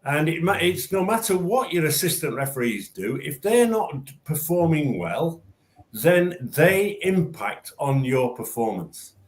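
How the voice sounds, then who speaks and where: A man's voice: on the high side, sing-song, unhurried. A man hosting a casual chat as a former referee, speaking emphatically and repeating words as he starts sentences, over a video call. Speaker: show host and former referee.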